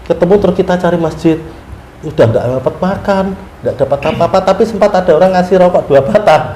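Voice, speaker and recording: A man telling a long story in a casual interview, animated, often laughing and acting out his prayers. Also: high-pitched, quick pace. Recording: roomy room with faint ambient noise.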